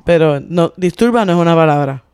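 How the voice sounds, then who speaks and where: A woman's voice: fairly low pitch, animated, a little fast, warm tone, clean tone, no room sound. Woman in dry-sounding casual chat. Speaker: podcast co-host.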